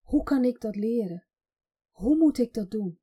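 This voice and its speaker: A woman's voice: on the high side, animated, measured pace, slightly rough, muffled recording. A woman voicing an ashamed, worn-down mother of three boys who talks in a hesitant, self-blaming way. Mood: pleading.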